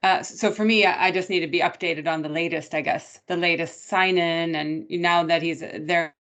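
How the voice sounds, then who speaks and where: A woman's voice: on the low side, fairly even intonation, moderate pace, fairly bright tone. A woman parent asking the teacher questions in an online meeting, hesitant with many ums. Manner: hesitant, many fillers and restarts. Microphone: video call.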